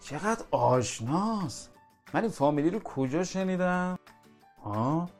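A man's voice: a little high, animated, darkish tone, soft background music. A man playing a grumbling middle-aged husband and father in a comic radio sketch, exasperated and ranting.

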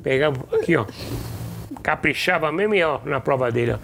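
A man's voice: a little high, fairly quick, gravelly, noisy background. An older man casually telling bawdy school stories to his son, acting out the voices of the people in them. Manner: animated, bawdy, acts out voices in anecdotes. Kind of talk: casual storytelling.

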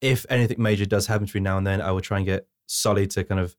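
Man, fast talker, lowish pitch, podcast host, casual chat. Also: steady tone.

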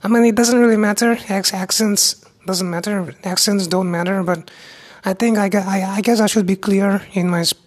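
A young woman from India with an Indian accent, a newly qualified doctor hosting her own medical podcast, talking alone in a halting way with many restarts and speech that is not very clear. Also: mid-range voice, steady tone, darkish tone. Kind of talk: solo medical podcast talk.

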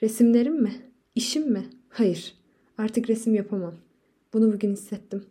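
Woman voicing a worn-out male artist, despairing, dark and mellow delivery. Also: fairly high pitch, moderate pace, husky. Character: anguished adult male painter, weary, desperate.

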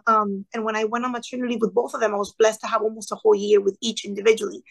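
Her voice is medium-pitched and creaky, and she talks quickly. This thirties-aged woman, once a classroom teacher and from a Cuban family, is an interview guest telling her story in earnest, animated fashion, acting out others she quotes in lively asides.

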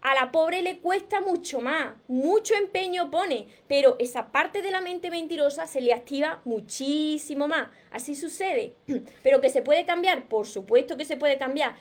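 Speaking at normal speed, a high-voiced woman with a Spanish accent from Spain runs a live self-help stream as a personal growth coach. Her explanations are earnest and instructive, with frequent repetition for emphasis and turns to what viewers are commenting.

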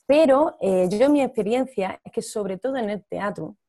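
A woman's voice: mid-range voice, lively intonation, moderate pace, dark tone, no echo. A woman who works as an actress abroad, talking candidly in an interview and laughing between her thoughts. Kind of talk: casual interview conversation.

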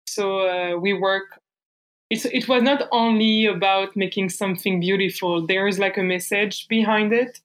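A woman's voice: mid-range voice, fairly even intonation, normal speed, poor audio. A woman in her thirties from France with a French accent, answering interview questions hesitantly, with many fillers and restarts. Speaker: paper artist guest.

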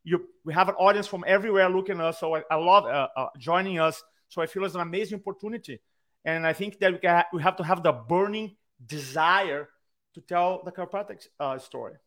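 His voice sits high and runs a little fast, with a Brazilian accent. He is a speaking coach who, in a podcast interview over video call from his own room, tells stories animatedly and acts out the quotes.

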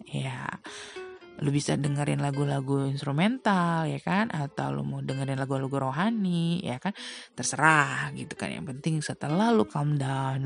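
A woman's voice: deep voice, creaky. A young woman giving casual, slangy advice in a chatty monologue full of rhetorical questions. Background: faint guitar music.

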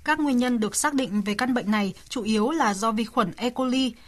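A woman's voice: on the high side, a little fast. A woman presenting a health segment on radio in scripted informational narration.

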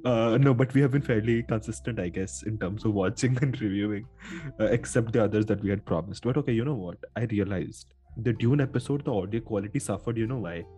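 A man's voice: on the low side, fairly quick, warm tone, soft background music. A man with an Indian accent hosting a podcast in casual, informal chat, now and then slipping between English and Hindi. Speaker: podcast host.

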